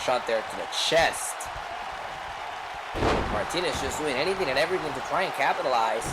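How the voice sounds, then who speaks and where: A man's voice: medium pitch, expressive, moderate pace. A man doing live pro wrestling play-by-play commentary in short clipped calls and dramatic rhetorical questions. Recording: noisy venue with loud crowd. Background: crowd noise.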